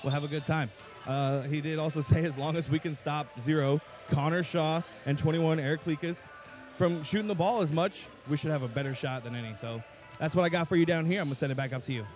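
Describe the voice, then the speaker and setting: A man's voice: on the high side, quick pace, a little mellow, soft background music. A man reporting from the floor before a basketball game, talking loosely with fillers. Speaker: sideline reporter. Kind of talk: pregame sports report.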